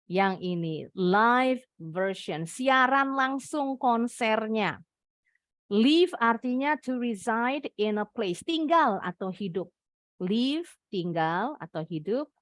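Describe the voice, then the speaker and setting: A woman's voice: mid-range voice, no echo, studio quality. A woman English teacher with an Indonesian accent, patiently explaining and praising students during an online class.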